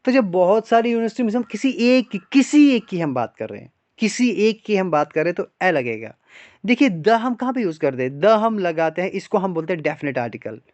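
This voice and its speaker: A man with a fairly high voice teaches English grammar to exam aspirants, explaining one step at a time. He keeps asking his class rhetorical questions and calls them "guys." The recording is dry and a little dull. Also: big pitch swings, a little fast, darkish tone, dry recording. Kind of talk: classroom lecture in Hindi mixed with English. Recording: dry, slightly dull online lecture audio.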